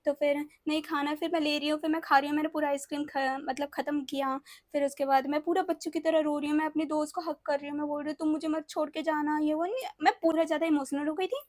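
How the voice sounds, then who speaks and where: A woman's voice: high-pitched, fairly even intonation, fast talker, few pauses, a little mellow, no echo, studio quality. A young woman in a casual storytime vlog who mixes English phrases into her Hindi, repeats words and keeps checking in with the listener. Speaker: storytime vlogger.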